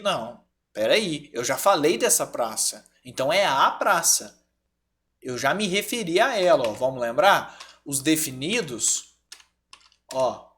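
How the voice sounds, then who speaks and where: A Brazilian man teaching a grammar class online, lively and often checking in with his students. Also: high-pitched. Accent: Brazilian Portuguese.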